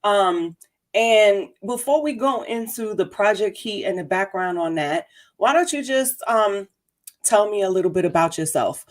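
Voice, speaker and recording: Her voice medium-pitched and expressive, a woman runs a podcast and chats a little slowly with a guest in a relaxed interview. She keeps the mood upbeat, talks freely, and laughs often.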